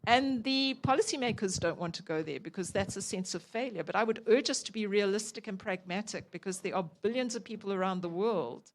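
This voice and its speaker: Woman panelist, urgent and emphatic, mid-pitched conference voice.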